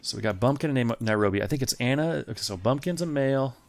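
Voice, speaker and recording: A man's voice: medium pitch, expressive, quick pace, gravelly. A man hosting a let's play, thinking aloud and chatting casually to the game's characters as he plays. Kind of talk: casual gameplay commentary. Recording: faint game music behind.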